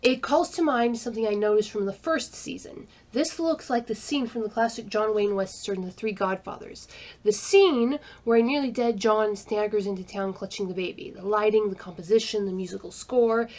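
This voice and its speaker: A woman's voice: medium pitch, normal speed, a little mellow, highs cut off. Woman giving an enthusiastic episode review. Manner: enthusiastic, searches for words aloud. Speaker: video essayist reviewing a TV episode. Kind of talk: scripted commentary with asides.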